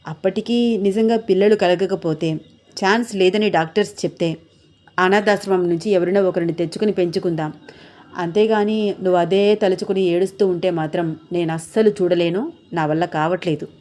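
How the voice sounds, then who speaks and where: A woman voicing a loving young husband who gently soothes his tearful wife, in a soft, coaxing tone. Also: fairly low pitch, steady tone, moderate pace, natural voice. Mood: tender reassuring.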